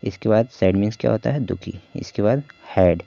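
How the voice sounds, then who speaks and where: A man's voice: lowish voice, normal speed, gravelly, dark tone, no room sound. A man teaching English reading in a beginner phonics lesson, patiently asking questions and answering them himself, in a dull lo-fi voice-over.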